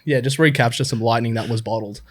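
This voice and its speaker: A man's voice: medium pitch, steady tone, quick pace. A young man co-hosting a podcast, chatting casually with playful, teasing banter. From Australia. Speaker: podcast co-host. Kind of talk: casual chat.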